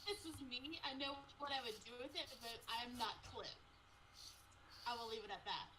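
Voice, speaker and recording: Woman player, jokey and playful, high voice, heavy room ambience. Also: moderate pace, background noise. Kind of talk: casual game chat.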